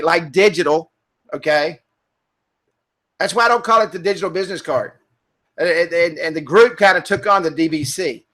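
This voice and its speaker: A man giving a webinar sales training, energetic and repetitive, often asking "okay?" and posing rhetorical questions. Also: high-pitched. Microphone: computer mic in a webinar.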